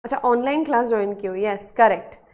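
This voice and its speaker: Woman teacher, high voice, online class; mixes Hindi and English, repeats each question and answer patiently. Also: brisk, a little mellow. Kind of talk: online vocabulary and spelling class.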